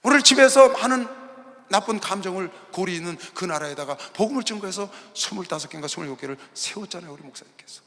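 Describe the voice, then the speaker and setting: A male pastor preaching a sermon, dramatic and swinging between loud bursts and quiet asides, in a large arena hall. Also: high-pitched, quick pace. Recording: long arena hall reverb.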